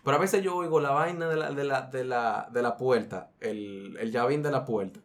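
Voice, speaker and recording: A man's voice: mid-range voice, moderate pace. A man with a Dominican accent in casual comedic chat among friends, co-hosting with slangy, sweary, rambling storytelling. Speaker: podcast co-host.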